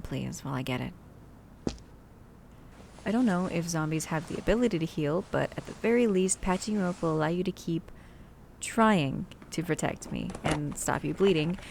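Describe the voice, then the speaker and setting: This woman's low, creaky voice has a darkish tone, with a faint hiss or hum underneath. Voicing a chatty but wary zombie-apocalypse survivor for an ASMR roleplay drama, she drifts through hesitant, rambling asides to the listener, her mood cautious and instructive.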